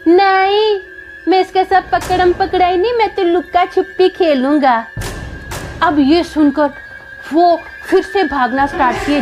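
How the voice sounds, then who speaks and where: A woman animatedly retelling a family ghost story, acting out the scenes as she goes. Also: high-pitched. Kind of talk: spoken ghost story in Hindi.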